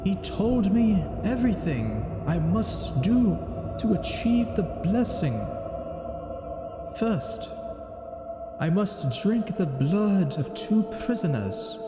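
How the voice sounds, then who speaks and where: A man speaks in a high, sing-song voice at a slow pace, exaggerating his delivery as he plays a lonely, brooding vampire a thousand years old. He narrates the tale in solemn, formal, theatrical language as scripted in-character story narration over gameplay. The recording has echoing, hall-like reverb with music playing behind him.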